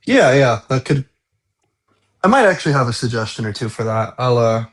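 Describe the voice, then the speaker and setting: A man hosting a casual livestream chat, relaxed and full of fillers. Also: medium pitch, moderate pace. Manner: relaxed, laid-back, filler-heavy. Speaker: livestream host.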